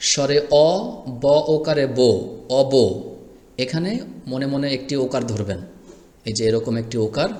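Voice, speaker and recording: Male spelling teacher, slow and patient, recorded in an echoey room with a lingering tail. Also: a little high. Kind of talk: spelling lesson. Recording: echoey room with long reverb.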